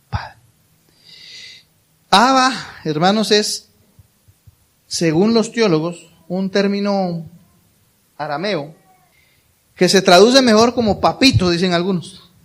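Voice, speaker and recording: A male pastor preaching a sermon in a church, speaking warmly and conversationally and putting questions to the congregation. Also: on the high side. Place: church hall.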